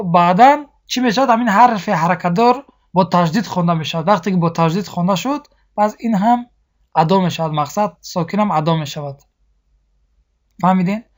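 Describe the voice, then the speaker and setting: A teacher gives a recorded lesson on Quran recitation rules. They explain patiently, repeat each point, slow down to model the sounds and keep checking that students follow. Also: mid-range voice.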